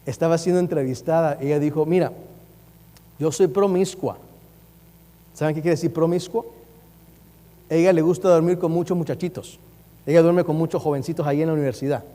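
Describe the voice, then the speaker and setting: A man, a pastor, preaching a sermon in a church in an animated, humorous way, with mocking impressions. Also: fairly high pitch, quick pace. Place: church sanctuary. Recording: long reverb from a church hall.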